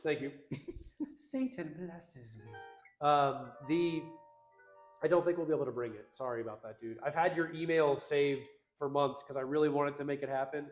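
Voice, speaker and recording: A man's voice: a little high, a little fast, roomy sound, faint music behind. A man co-hosting a casual livestream, reading out chat comments in an upbeat, slangy, rambling way.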